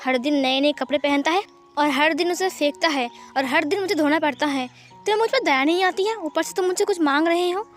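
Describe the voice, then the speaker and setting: A woman's voice: high-pitched, a little fast, faint music behind, natural voice. A woman voicing an overworked young husband who scolds and answers with sarcasm. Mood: scolding.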